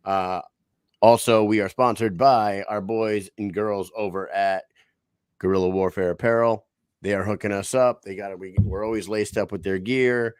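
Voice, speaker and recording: Low, clean-voiced man hosting a podcast. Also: steady tone, normal speed, clean tone, dry recording. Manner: profane, hype-man banter with street slang. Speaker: show host.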